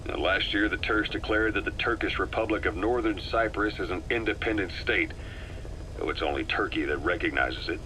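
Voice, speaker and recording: A composed, worldly military operative. His voice is low with a hard, bright edge, measured and matter-of-fact as he briefs a comrade in a video game, over faint tape noise. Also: poor audio. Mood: grave, reflective.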